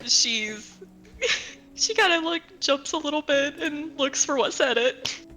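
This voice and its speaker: A woman's voice: high-pitched, slow, sharp tone, faint music behind. A woman playing a tabletop role-playing game, casually narrating her character in a giggly, hesitant way, thinking aloud.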